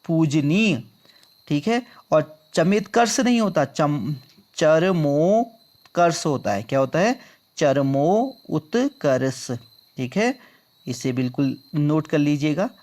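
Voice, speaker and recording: Man going through exam questions, higher-pitched. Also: expressive, slow, a little mellow. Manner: drills answers by repeating them back as questions; addresses viewers as friends. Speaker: exam prep teacher. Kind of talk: explaining quiz answers.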